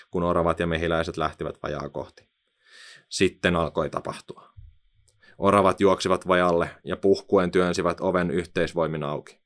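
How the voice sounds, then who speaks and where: A man narrating a children's story in an expressive, playful storytelling manner. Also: low voice.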